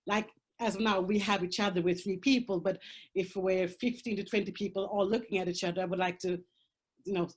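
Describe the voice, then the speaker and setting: Her medium-pitched, steady voice has a breathy edge and moves a little fast as this Swedish woman speaks English with a Swedish accent on a panel by video call. Swedish is her first language, and she talks frankly and emphatically, swearing and laughing through hard subjects.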